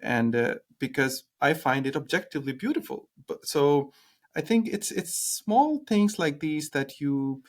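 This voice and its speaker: A man's voice: fairly high pitch, expressive, a little slow. A young man from Pakistan, hosting a podcast in a hesitant, casual way, often filling gaps with "like". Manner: hesitant, leans on "like" fillers. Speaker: podcast host.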